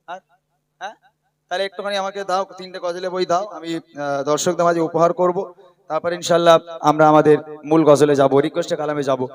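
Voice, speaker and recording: A man with a high-pitched voice speaks earnestly to a gathered crowd, preaching and telling stories between songs. He addresses the listeners directly, with the feel of a live stage event. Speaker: gojol singer and preacher. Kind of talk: stage religious talk and storytelling.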